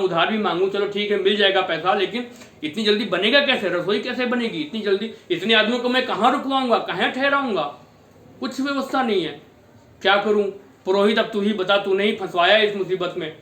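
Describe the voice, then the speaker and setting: A man's voice: high-pitched, bright, forceful tone, roomy sound. A man voicing a panicked father of the bride who pleads for help in a devotional story. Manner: frantic, pleading, tearful.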